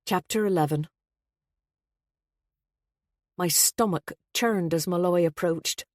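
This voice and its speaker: Woman audiobook narrator, low voice, wry introspective first-person telling. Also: moderate pace, a little mellow, dry recording, clean studio sound.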